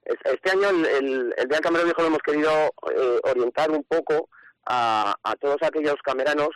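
Halting Riojan mayor on the radio. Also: male voice, a little high, no echo, poor audio. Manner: halting, many restarts and repeated words. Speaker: village mayor, interview guest. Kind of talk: phone interview on radio.

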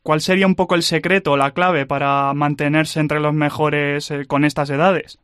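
A man hosting a sports radio interview, asking measured questions. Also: fairly high pitch, little pitch movement, a bit bright, clear, resonant tone, no echo, studio quality.

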